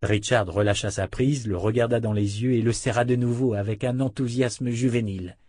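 A man's voice: medium pitch, fairly even intonation, moderate pace, a little mellow, no room sound. Man reading an audiobook, dry sound. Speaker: narrator. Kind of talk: audiobook narration.

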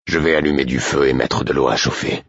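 A man voicing a stern, weary man, very deep. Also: fairly even intonation, gravelly, a bit bright, no room sound, clean studio sound, heavily acted. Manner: low, measured, firm. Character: stern, weary grown man, calm and firm.

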